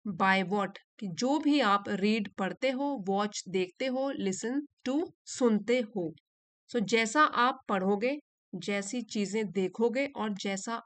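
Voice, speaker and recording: A woman teacher who reads lines slowly and carefully, then explains them patiently in Hindi. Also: medium pitch, no echo. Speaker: English teacher. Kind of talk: explaining an English reading passage in Hindi.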